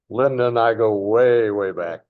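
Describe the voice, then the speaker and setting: A man's voice: fairly low pitch, narrow, tinny audio. A man hosting a meeting and introducing the next speakers in a brief, matter-of-fact way. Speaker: meeting host.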